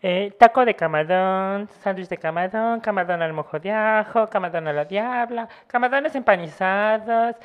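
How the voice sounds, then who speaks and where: A man voicing a slow-witted grown man who lists shrimp dishes, with a drawn-out manner. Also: high voice, clear, resonant tone, narrow, tinny audio, voice pushed up, close to an everyday voice. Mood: dopey.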